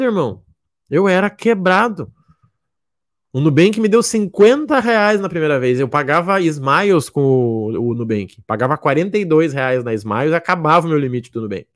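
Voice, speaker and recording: A man giving a blunt, joking talk as a mentor, often acting out what his students say. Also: medium pitch. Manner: blunt, jokey, acts out students' lines. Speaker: miles program mentor. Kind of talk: casual motivational talk.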